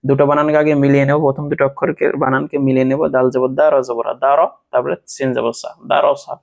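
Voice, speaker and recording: A man teaching Quran reading, slowly spelling out each Arabic letter with its vowel sound and then blending them into words. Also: mid-range voice, little pitch movement, gravelly. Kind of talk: slow syllable-by-syllable Quran reading lesson.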